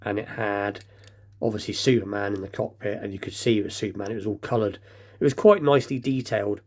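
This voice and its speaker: A man's voice: on the low side, fairly even intonation, quick pace, darkish tone. A man hosting a casual collector's show-and-tell, rambling and understated, lisping slightly as if he has just bitten his tongue. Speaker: host of a diecast toy collecting show.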